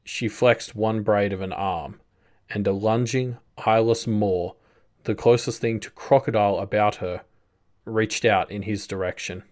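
A man reading a story aloud as narrator, in a slow, measured way. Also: fairly low pitch, steady tone, a little mellow. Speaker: audiobook narrator. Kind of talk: scripted narration.

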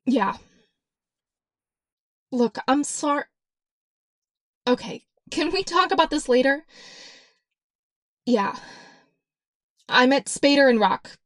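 A man's voice: very high voice, lively intonation, slow, pauses often, fairly bright tone, no echo, clean studio sound, voice pushed up, exaggerated voice. A man voicing a brash, hot-tempered young superheroine in an audiobook, impatient and exasperated. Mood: sheepish. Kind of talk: audiobook character voice.

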